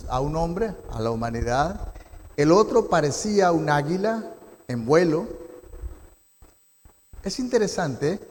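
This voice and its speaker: A man's voice: fairly high pitch, a little mellow. A male pastor leads a Bible study, reading scripture and asking the congregation questions. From Costa Rica. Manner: teaching, reads scripture and asks the congregation questions. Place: church. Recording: long church hall reverb.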